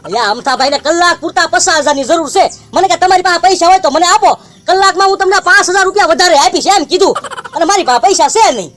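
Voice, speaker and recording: A man's voice: very high-pitched, fast talker, a bit bright. A man voicing a stingy old village grandfather who lends money, grumbling and self-pitying in a comic skit. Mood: scheming. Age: older. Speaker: comic character.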